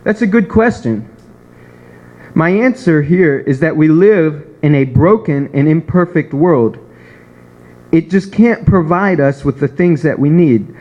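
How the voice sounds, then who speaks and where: A man delivering a prepared sermon as a beginner preacher, in an earnest, measured way. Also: fairly high pitch, expressive, mellow. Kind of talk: prepared sermon, read from a script. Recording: dull, lo-fi recording.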